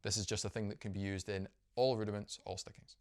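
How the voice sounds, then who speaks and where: A man's voice: on the low side, level tone, fast talker. Upbeat man teaching drum rudiments. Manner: upbeat, explanatory, counts rhythms aloud. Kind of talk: instructional video lesson.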